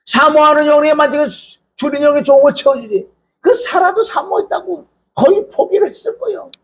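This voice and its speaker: A male pastor preaching a fervent sermon. He swings between loud outbursts and low asides, and his voice cracks with emotion. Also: brisk.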